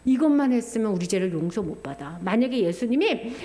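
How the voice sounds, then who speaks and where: A woman's voice: a little high, fairly quick. A woman giving a children's sermon in a simple, storytelling way, talking directly to the children. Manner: animated and expressive, speaking simply to children.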